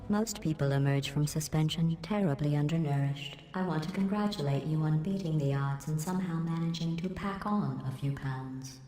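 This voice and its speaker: A low female robotic voice rings out with roomy echo. It is a sardonic video game artificial intelligence, measured and mock-polite, delivering cold mockery in a flat deadpan through synthetic processing. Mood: coldly mocking. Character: sardonic female artificial intelligence running test chambers, coldly mocking. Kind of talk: scripted video game character dialogue. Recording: echoey, roomy game audio.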